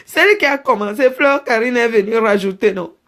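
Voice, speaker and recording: A woman's voice: a little high, brisk. A woman vlogger doing a comic parody monologue, theatrically wailing, mock sobbing and pleading down the phone. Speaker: comedy vlogger. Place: her bedroom.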